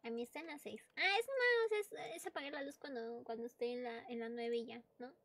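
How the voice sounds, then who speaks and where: A woman's voice: on the high side, fairly even intonation, fast talker, a little mellow. A woman giving casual let's-play commentary on a horror game, chatty and easily startled, breaking into screams and nervous laughs. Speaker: gamer playing a horror game.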